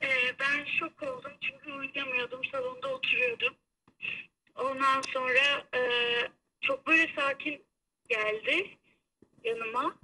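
A woman's high voice comes over the phone, heard through a loudspeaker and set well back from the mic. She talks earnestly and haltingly, with plenty of fillers, and her tone is bright and clear. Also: expressive. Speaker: guest calling in. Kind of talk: live phone interview. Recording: distant phone audio through a speaker.

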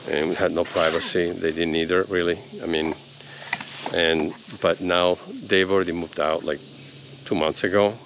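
Holding his phone at arm's length, an Italian-born homesteading vlogger in his fifties chats casually to the camera outdoors on his rural land. His deep, low voice stays level at a moderate pace as he rambles easily, dropping plenty of ums. A little outdoor hiss runs under the audio.

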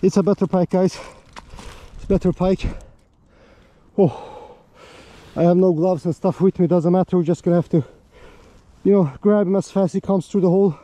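An excitable man narrating his ice fishing out on a frozen lake, out of breath and talking straight to his viewers. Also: high-pitched, moderate pace, pauses often. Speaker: fishing vlogger. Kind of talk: excited live commentary while ice fishing.

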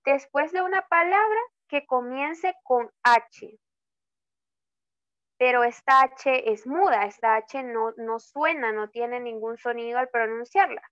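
This woman's voice sits on the high side with a fairly bright tone, recorded without echo but with the highs cut off. She's an English grammar tutor in an online class on a video call, going slowly, drawing out example words, and asking "¿ok?" again and again.

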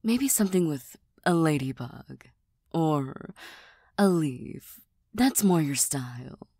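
Breathy low cat-girl, ASMR role-play by a woman. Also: slow, no room sound, clean studio sound, full character voice. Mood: dry, doubting. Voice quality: soft, breathy. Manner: deadpan, gently teasing, hesitant. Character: tired, serious, self-deprecating young cat-girl best friend.

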